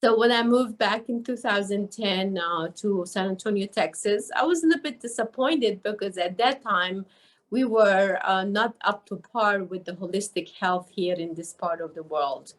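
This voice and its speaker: A woman's voice: mid-range voice, moderate pace. An older woman from Egypt, talking as a guest on an interview podcast in a chatty way, full of fillers and restarts. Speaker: guest, nurse and wellness coach. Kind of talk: casual interview talk.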